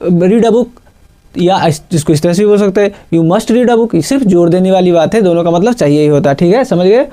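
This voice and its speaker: A man's voice: high voice, dark tone. A man teaching a grammar lesson, explaining step by step and asking himself questions before he answers them. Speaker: English teacher.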